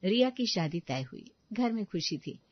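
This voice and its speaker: A woman narrating a family moral story in an even, measured way. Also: mid-range voice, highs cut off.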